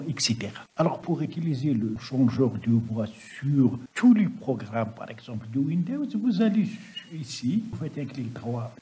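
A man with a husky, rough voice narrating a step-by-step screen-recording tutorial. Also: mid-range voice, dark tone. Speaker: software tutorial presenter. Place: voice-over on a computer screen recording.

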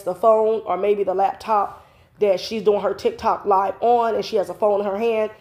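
Congested from a cold, a vlogger in her thirties shares her opinions indoors at home, speaking right into her phone camera held close. Her voice is medium in pitch and a little mellow, and she's casual, self-assured, and chatty, leaning heavily on "you know."

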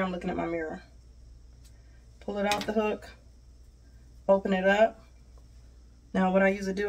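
A woman's voice: medium pitch, vocal fry. An American woman in her thirties giving a casual, chatty tutorial. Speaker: hair tutorial host. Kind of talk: casual instructional chat. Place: small home bathroom, indoors. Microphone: camera a short distance away. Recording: voice distant from the mic.

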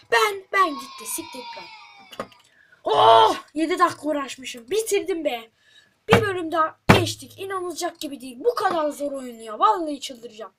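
Woman gamer, high voice, frustrated commentary, swearing at the game, keyboard clatter behind. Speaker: gaming channel host. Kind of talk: let's play commentary. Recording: loud keyboard clicks and noise.

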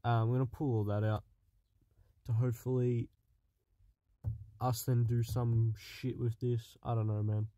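This is a car project vlogger giving casual narration while squeezed into a tight footwell, swearing and muttering under his breath. He's winded, and his medium-pitched, dark-toned voice stays level as he takes his time and pauses often. No echo is present.

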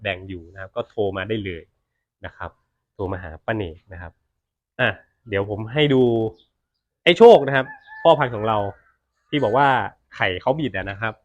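Lively male vlog host, lo-fi sound. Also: lowish voice, moderate pace, pauses often. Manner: lively, enthusiastic presenter. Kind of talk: casual on-camera interview. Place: outdoors at a buffalo pen.

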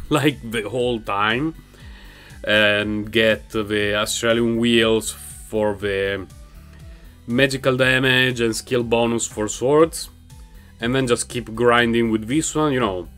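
Soft music plays faintly behind this gaming channel host, whose mid-range voice is slow, a little bright, clear and resonant. Speaking English with a non-native accent, he lounges on a couch at home with a mic raised before him, giving rambling, laugh-filled commentary on his gameplay.

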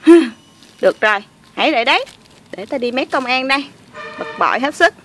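Whiny, weepy doll lady, voiced by a woman for a toy play video, high-pitched and dramatic. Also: lively intonation, a little fast, a bit bright, faint music behind. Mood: huffy. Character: whiny pretty doll lady who cries.

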